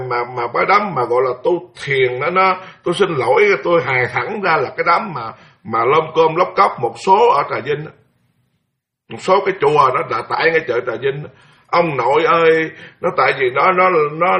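Male monk, lively storytelling sermon, somewhat high pitch. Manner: animated, exclaiming, mimics chanting for effect. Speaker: Buddhist monk giving a dharma talk. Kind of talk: sermon told as personal anecdote.

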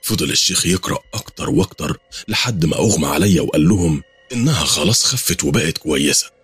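A male storyteller with an Egyptian accent narrates a first-person horror tale. His voice is low and husky, delivered fast with lively pitch, in dry, close sound. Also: no room sound, faint music behind. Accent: Egyptian Arabic.

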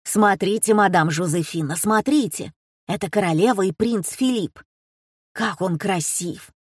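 A woman voicing a dreamy young girl who gushes slowly with admiration, in a husky voice. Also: mid-range voice, no room sound, clean studio sound. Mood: gushing.

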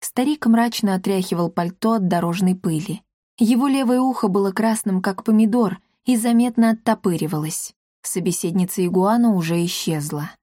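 A woman's voice: mid-range voice, moderate pace, mellow, dry recording. Woman narrator, mid-range voice, dry close sound; storybook reading. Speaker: audiobook narrator. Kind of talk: scripted narration.

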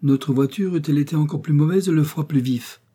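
A man reading a frank nervous young gentleman. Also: a little high, a little fast, slightly rough, pitched above the performer's own voice. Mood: earnest.

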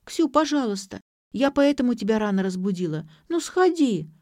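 A woman voicing an excitable young schoolgirl who pleads in a high, agitated voice. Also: moderate pace, no echo, clean studio sound. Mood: pleading.

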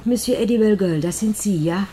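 An actress playing a brisk, tactless female doctor speaking offhandedly in a radio play. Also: mid-range voice, dark tone, slight background noise, natural voice.

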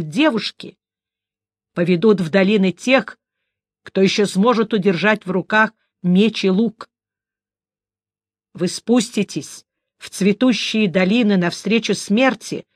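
A woman voicing a grim, weary male witcher who speaks gravely and bluntly. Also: medium pitch, no echo, clean studio sound.

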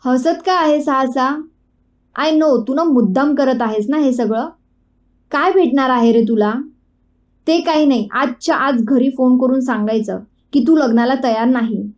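A woman's voice: high voice, unhurried. A woman voicing a fiery, defiant young woman. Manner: combative, sharp.

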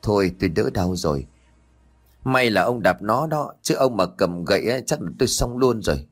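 A complaining middle-aged wife, voiced by a man who scolds. The voice stays low but rises and falls a lot. It suits a told ghost story. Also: lively intonation, moderate pace. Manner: complaining, nagging.

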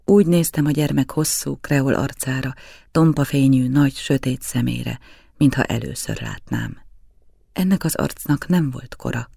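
Male audiobook reader, gravelly, dry close sound, measured narration. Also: mid-range voice, sing-song, mellow, no room sound. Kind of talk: scripted narration of a novel.

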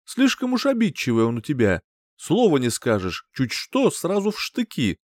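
A man's voice: on the high side, wildly swooping pitch, moderate pace, a little mellow, no echo, studio quality, voice pushed up. A man voicing a timid, cowed man in an audiobook, defensive and placating. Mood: dismissive. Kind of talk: audiobook character voice.

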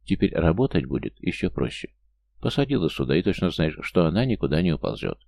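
Man reading as a gentle young mother. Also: deep voice, very animated, brisk, creaky, exaggerated voice. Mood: cheerful. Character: kind hardworking young mother, hairdresser.

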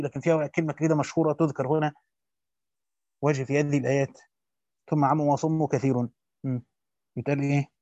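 A man's voice: a little high, mellow, no room sound, muffled recording. A man teaching Quran commentary, reading the text aloud and then explaining it in colloquial asides.

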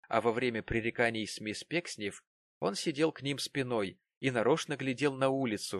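A man narrating a classic novel as an audiobook reader, in a measured storytelling manner. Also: mid-range voice, a bit bright, dry recording.

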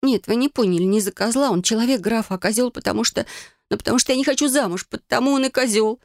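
A reader voicing a flustered, agitated young woman heroine in a higher voice, in a storybook reading. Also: quick pace, no echo, studio quality, close to an everyday voice. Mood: upset.

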